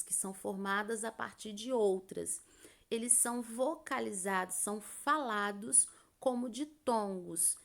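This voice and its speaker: A woman teacher, giving a grammar lesson and slowly stretching out sounds to demonstrate them while answering imagined student questions. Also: mid-range voice, creaky, a bit bright.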